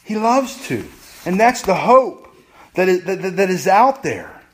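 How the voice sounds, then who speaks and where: A man preaching a sermon, emphatic and repeating phrases, at times rushing and at times slowing right down. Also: high voice, sing-song, a little hiss or hum. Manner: emphatic, repeats phrases, pace swings from rushed to slow. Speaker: pastor.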